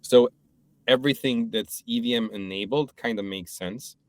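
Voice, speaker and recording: A man's voice: medium pitch, moderate pace, no room sound. A man from Serbia, a podcast guest, talking in a casual, thoughtful way with many restarts. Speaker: podcast guest, startup co-founder. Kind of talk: casual chat.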